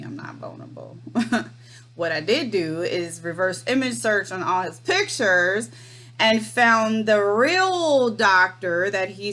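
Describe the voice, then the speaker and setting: A woman's voice: on the low side, a little hiss or hum. Wry, laughing woman telling a story. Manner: animated, laughs often, wry and amused. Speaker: storyteller vlogger. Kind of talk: casual storytime chat.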